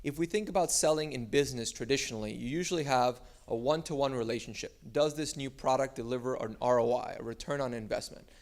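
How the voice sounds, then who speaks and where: A man's voice: mid-range voice, quick pace, hardly any pauses, a little mellow. A man from Miami giving a conference talk on starting an education company, speaking loosely with frequent fillers and restarts. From Miami, United States.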